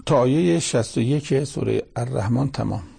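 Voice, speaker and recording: Very husky, gravelly-voiced male preacher. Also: medium pitch, dark tone. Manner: exhorting, repeats lists and rhetorical questions. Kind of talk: religious sermon with Quranic Arabic quotations.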